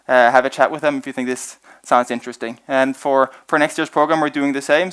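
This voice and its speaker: On stage before an audience, a young man presents his organization, talking fast and earnestly with plenty of "uh" fillers. His mid-range voice is clear and resonant, with a fairly bright tone.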